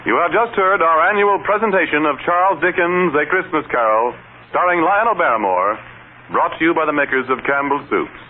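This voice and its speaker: A man's voice: fairly high pitch, animated, a little fast. A man announcing formally in a projected 1930s old radio announcer style. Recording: tinny vintage radio with faint noise.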